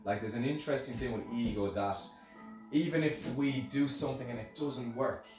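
A middle-aged Irish-accented instrument maker talks to camera at normal speed in a mid-range voice, offering lessons learnt in a casual, rambling motivational style with repeated phrases for emphasis. Music plays, and the hard-surfaced indoor workshop sounds very echoey through the distant camera mic, a few metres away.

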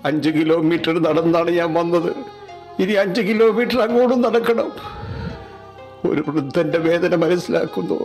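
A man's voice: on the high side, normal speed, darkish tone, soft background music, close to an everyday voice. A man playing a frightened poor old father. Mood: mournful. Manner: pleading, fearful wailing. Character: poor elderly male father, frightened of injections. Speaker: vaccine patient in a short skit. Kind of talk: amateur stage skit.

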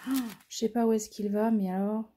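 A woman's voice: medium pitch, little pitch movement, brisk, dark tone. A woman vlogger chatting casually through an unboxing, gushing with enthusiasm over what she shows. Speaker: crafting vlogger.

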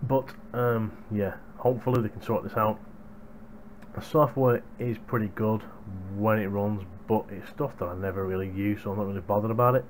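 A young adult hardware reviewer chats casually with viewers at normal speed, his fairly low voice staying fairly even in intonation. A little hiss or hum accompanies the recording, made on a headset boom mic in a small room at home.

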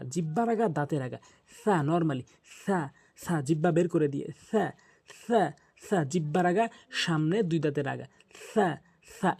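Husky-voiced man teaching letter sounds. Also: a little high, dark tone. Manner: repeats each letter many times, with fillers. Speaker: Quran recitation teacher. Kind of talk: spoken lesson on Arabic letter pronunciation.

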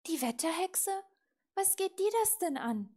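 A woman voicing a high, pert little witch. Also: lively intonation, measured pace, dark tone. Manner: bold and pert. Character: cheeky, headstrong young girl witch. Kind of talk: storybook reading.

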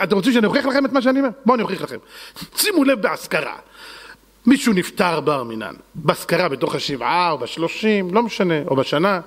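A man's voice: a little high, big-room sound. A man preaching a sermon as a rabbi, fervent and dramatic, acting out the voices he quotes.

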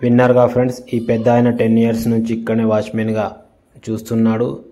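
A man giving a casual tour of farmland for sale, repeating his sales pitch with polite fillers, outdoors on a rural farm. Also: monotone, fast talker, dark tone. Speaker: property dealer showing land. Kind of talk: casual property tour vlog.

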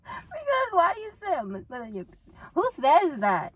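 A woman's voice: very high-pitched, wildly swooping pitch, brisk, far from the mic, a crowd in the background. A woman bantering casually in incredulous squeals, heard off-mic.

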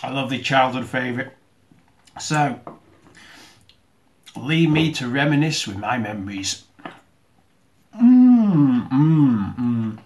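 Man, casual food tasting host, mid-pitched voice, chews while talking, hesitant. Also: measured pace, long pauses, a bit bright. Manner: talks while eating, with mouth full; hesitant, restarts and fillers while chewing. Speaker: video host.

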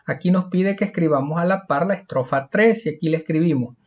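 A male teacher explaining a lesson, asking questions and answering them himself, slowing down to spell out example words one by one. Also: a little high, a little mellow. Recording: dull lo-fi recording.

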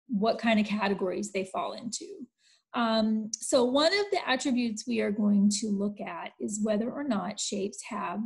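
A woman teacher records a distance-learning math lesson, talking at an unhurried, deliberate pace in a slightly high voice. She explains each step patiently and keeps checking in with her students. The delivery is calm and clear.

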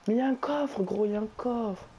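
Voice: mid-range voice, normal speed, warm tone, slight background noise, poor audio. A young gamer bantering casually and bossily in French suburban street slang during a game. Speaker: video game player recording gameplay.

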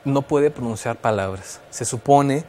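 A man's voice: medium pitch, a little slow, mellow, slight background noise. A man with a Mexican Spanish accent, talking as an expert guest on a radio show and explaining child development in a thoughtful way, with fillers and restarts.

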